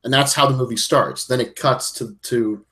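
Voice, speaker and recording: A man's voice: medium pitch, steady tone, normal speed, fairly bright tone. A man chatting on a podcast, recounting a plot in a loose, meandering way. He often doubles back and restarts his sentences as he talks. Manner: rambling, circling back mid-sentence. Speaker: podcast co-host. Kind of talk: casual chat recapping a film.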